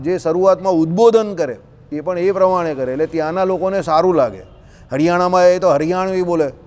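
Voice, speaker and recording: A man delivers a scripture discourse in a chatty, storytelling manner and keeps checking in with his listeners. His voice sits high for a man. A long hall reverb hangs after every phrase. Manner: conversational, checks in often with listeners. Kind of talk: religious discourse with folksy anecdotes.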